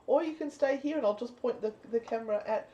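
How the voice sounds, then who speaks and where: A woman's voice: fairly high pitch, quick pace, warm tone, lo-fi sound. A woman co-hosting a live paranormal stream, chatting casually and explaining things to viewers. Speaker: co-host of a live spirit box stream.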